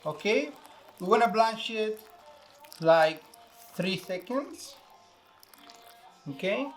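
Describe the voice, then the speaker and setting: Soft music plays behind this Venezuelan chef, whose voice sits high and sounds expressive as he talks slowly. In English with a Venezuelan Spanish accent, he explains a recipe one step at a time, full of fillers, in a relaxed cooking demonstration.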